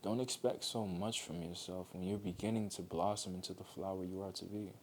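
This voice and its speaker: Earnest, low-voiced man giving encouragement. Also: steady tone, fairly quick, a little hiss or hum. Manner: earnest, gentle, repeats himself for emphasis. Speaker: motivational speaker. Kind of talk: heartfelt motivational monologue.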